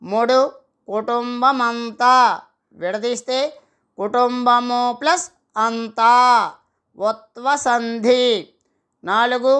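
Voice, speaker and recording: A woman's voice: on the high side, fairly even intonation, slow pace, long pauses, fairly bright tone, smooth. A woman teaching a Telugu grammar lesson, dictating each answer and repeating it so students can write it down.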